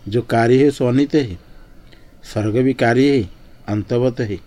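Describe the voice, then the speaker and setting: A man with a soft, dark tone teaches scripture to a class at an ashram. He recites a Sanskrit line, then explains it in plain Hindi at an even, steady pitch. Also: a little slow. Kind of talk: Sanskrit commentary lesson.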